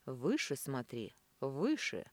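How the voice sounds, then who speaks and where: A woman voicing a jealous male demon lover in an audiobook, speaking slowly and gruffly. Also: low voice, big pitch swings, a little mellow, no room sound, full character voice. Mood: angry. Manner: slow, gruff, grumbling.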